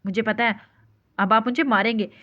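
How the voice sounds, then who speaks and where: A woman's voice: fairly high pitch, steady tone, normal speed, bright, forceful tone. A woman doing a naive, stubborn young bride. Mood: stubborn pleading. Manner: childlike, pleading and stubborn. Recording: dull lo-fi recording.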